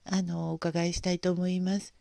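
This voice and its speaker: A woman hosting a casual livestream, speaking gently and politely with frequent pauses and fillers. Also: fairly low pitch, little pitch movement, vocal fry, no echo, clean studio sound. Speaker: livestream host.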